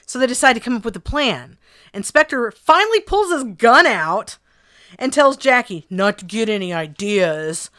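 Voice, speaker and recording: A woman's voice: on the high side, big pitch swings, moderate pace, fairly bright tone. A woman co-hosting a podcast, recapping a film plot in a chatty, wry way. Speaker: podcast co-host. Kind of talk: casual movie recap chat.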